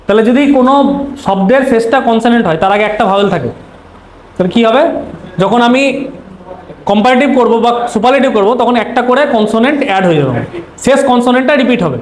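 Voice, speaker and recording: This man's very high-pitched, expressive voice moves quickly but with long pauses as he teaches exam-prep grammar. He poses rhetorical questions and answers them himself, repeating key terms as drills, recorded with a roomy echo and faint noise.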